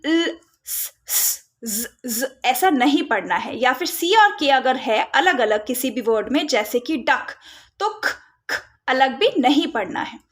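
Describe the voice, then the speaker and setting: A woman giving a phonics lesson for parents, modelling letter sounds slowly and mixing in English terms. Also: high voice, fairly bright tone. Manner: mixes Hindi with English terms. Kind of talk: instructional tutorial.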